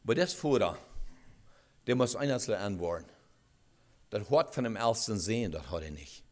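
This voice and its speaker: A man preaching a sermon in a halting way, with restarts and rhetorical questions. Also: fairly low pitch, animated, a little mellow.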